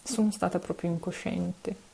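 A woman's voice: lowish voice, fairly even intonation, normal speed, gravelly, mellow, breathy edge, full character voice. A woman voicing a frightened, elegant young mother in a storybook reading, with anxious exclamations.

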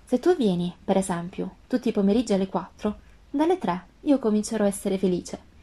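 A woman voicing a gentle, wise female fox with a calm, earnest tone in a storybook reading. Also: medium pitch, a little fast, close to an everyday voice.

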